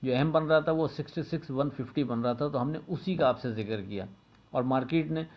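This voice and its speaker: Pakistani guy going over market levels, steady, lots of uh pauses, normal mid voice. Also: mid-range voice. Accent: Pakistani Urdu. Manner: steady, methodical, repeats figures and levels, frequent "uh" fillers. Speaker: stock market analyst. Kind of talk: daily market forecast commentary.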